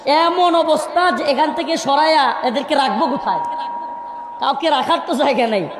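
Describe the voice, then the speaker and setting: High-voiced preacher scolding a noisy crowd. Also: male voice. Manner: pleading and scolding the crowd to keep quiet; slow chanted scripture recitation. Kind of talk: sermon at a crowded religious gathering. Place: crowded stage at a large outdoor gathering. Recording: echoing reverb over a murmuring crowd.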